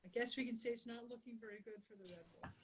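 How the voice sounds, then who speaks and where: A woman in her sixties, a wolf expert guest, answering interview questions casually over a remote video call whose audio keeps dropping out and turning very quiet. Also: on the high side, very fast, slight background noise. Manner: casual, storytelling, frequent restarts. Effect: audio dropping out, very uneven volume.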